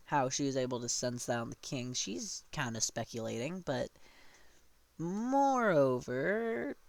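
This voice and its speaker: A man's voice: medium pitch, a bit bright, no room sound. A man casually retelling a tabletop game session, rambling and often correcting himself mid-sentence. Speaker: storyteller.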